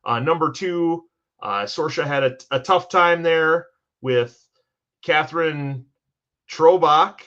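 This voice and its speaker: A man with a somewhat higher voice hosts a sports podcast, recapping results with eager, rambling enthusiasm. The recording sounds a little dull and lo-fi. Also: slow pace, a bit bright. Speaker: host.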